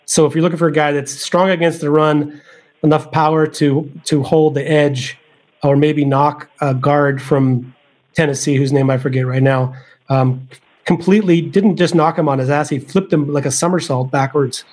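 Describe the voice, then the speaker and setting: A man's voice: a little high, fairly even intonation, moderate pace, a little mellow. Chatty man weighing draft prospects. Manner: thinks aloud, weighing prospects. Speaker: podcast panelist. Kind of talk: casual sports podcast chat.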